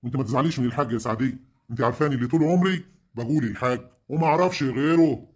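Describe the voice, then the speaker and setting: A man's voice: mid-range voice, rapid-fire, natural voice. Man playing an earnest Egyptian village uncle. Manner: pleading, scolding. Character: older village uncle, earnest and fair-minded.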